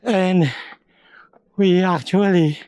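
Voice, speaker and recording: A man from the Philippines vlogging a forest hike, explaining things slowly in short halting phrases, sometimes out of breath. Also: high voice, darkish tone, no room sound. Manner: slow, halting, explains step by step. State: out of breath at times. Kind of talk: casual hiking vlog. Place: outdoors on a forest trail.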